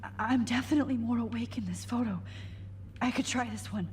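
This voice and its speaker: A woman playing a determined young student held captive in a video game, speaking with hushed, breathy, protective urgency. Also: on the high side, fairly quick, soft background music, close to an everyday voice. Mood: tense, shaken. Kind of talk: dramatic video game acting.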